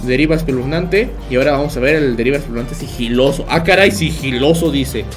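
Speaking quickly at medium pitch, a young Mexican man streams a game live in a small bedroom with faint music in the background. His chat with viewers is full of stories, jokes, and frequent laughter, all in a Mexican Spanish accent.

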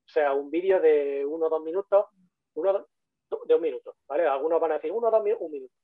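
A man from Spain, Spanish accent, talks fast in a slightly high voice on a dry recording. As a guest 3D modeler in a casual video-call talk, he chats away and repeats points for emphasis, heard through tinny, phone-like call audio.

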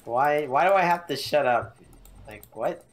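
A man's voice: on the high side, lively intonation, unhurried. A man streaming a strategy game, chatting casually with friends on voice call, laughing and swearing. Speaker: streamer and player. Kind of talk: casual gaming chat over voice call. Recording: game sounds and chatter behind.

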